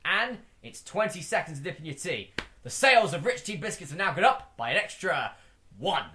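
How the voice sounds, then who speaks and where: A man's voice: fairly high pitch, sing-song, normal speed, bright, forceful tone, a little hiss or hum. A man co-hosting a comedy podcast, chatting casually, joking and swearing. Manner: joking, silly put-on voices, swearing. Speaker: podcast co-host.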